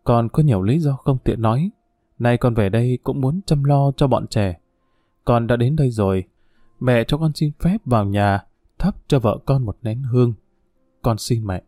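A humble, remorseful father pleads earnestly in a mellow voice, as a male narrator reads his part. The audiobook sound is dry and close. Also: mid-range voice, moderate pace, dry recording, lightly acted. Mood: pleading. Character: remorseful middle-aged ex-convict father, pleading. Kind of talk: audiobook character voice.

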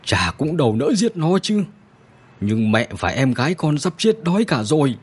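A man voicing a starving middle-aged peasant father who shouts and weeps in a storybook narration. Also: on the high side, big pitch swings, moderate pace, husky, voice pushed up. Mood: anguished. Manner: anguished, shouting and weeping.

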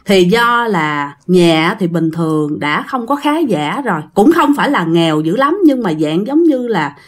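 Her voice fairly low and very animated, a woman with a Southern Vietnamese accent recounts a ghost story at a measured pace. She's chatty throughout and addresses the listeners directly.

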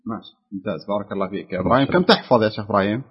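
A man's voice: lowish voice, racing, slightly rough, muffled recording. A man teaching Quran recitation, patiently correcting callers step by step. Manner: patient, explains step by step with repeated examples.

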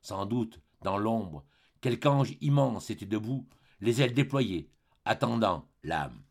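A man reading a classic novel aloud as an audiobook narrator, measured and expressive. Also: mid-range voice. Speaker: audiobook reader.

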